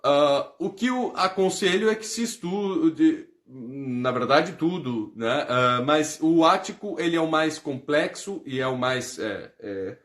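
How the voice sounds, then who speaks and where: A Brazilian man giving an unscripted Greek lesson, pausing often with fillers and checking in with tag questions. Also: a little high, expressive, fairly bright tone. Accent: Brazilian Portuguese. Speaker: Greek teacher. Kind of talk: unscripted lecture.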